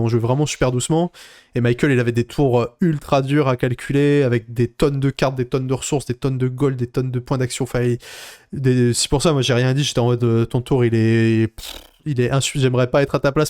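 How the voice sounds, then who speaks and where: A man chatting casually on a live stream, recapping his tournament run in a rambling, animated way and answering viewer chat. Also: medium pitch, clear, resonant tone, no echo, clean studio sound. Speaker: card game player recapping a tournament.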